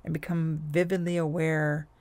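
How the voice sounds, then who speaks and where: A man leading a guided hypnosis session, with slow, soothing, drawn-out phrasing that often falls to a soft whisper. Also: a little high, little pitch movement, smooth, dry recording.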